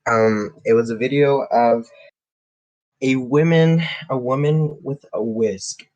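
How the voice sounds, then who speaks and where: A man's voice: medium pitch, slow, darkish tone, muffled recording. A man in an online voice chat telling a story earnestly and insisting it is true.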